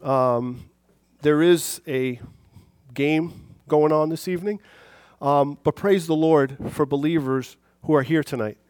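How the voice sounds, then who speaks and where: Wound-up, high-pitched man preaching. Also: takes it slowly, darkish tone, smooth, no room sound, clean studio sound. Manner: wound up, over-caffeinated; emphatic, repeats phrases. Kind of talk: evening church sermon. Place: church, speaking to congregation.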